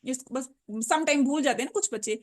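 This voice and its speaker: A woman teaching Quran recitation in a lesson, patiently repeating words slowly for her pupils, speaking words. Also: sits high. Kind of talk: online tajweed lesson.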